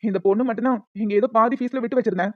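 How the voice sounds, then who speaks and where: A man's voice: very high-pitched, racing, no room sound. A man voicing a strict, dismissive school principal in a cartoon. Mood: stern. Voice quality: stern, dismissive. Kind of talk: cartoon voice acting. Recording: dull lo-fi dry recording.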